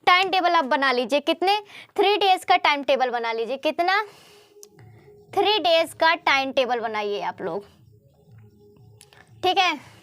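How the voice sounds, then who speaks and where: A woman's voice: high voice, lively intonation, measured pace, long pauses, fairly bright tone, no room sound, soft background music. A woman teacher giving a chatty motivational study lesson, often repeating herself and asking rhetorical questions.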